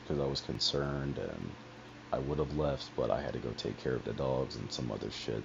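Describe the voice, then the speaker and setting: A man's voice: very deep voice, normal speed, vocal fry. A young man streamer telling a personal story on a headset, rambling and profane with lots of asides. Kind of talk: casual personal storytelling on a livestream. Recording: dull lo-fi headset audio with faint hiss.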